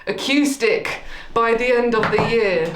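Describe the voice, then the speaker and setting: A woman's voice: on the high side, unhurried. A woman casually reading out comments and reacting with dry, playful, self-deprecating sarcasm. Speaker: video creator. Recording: roomy echo, faint music behind. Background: faint music.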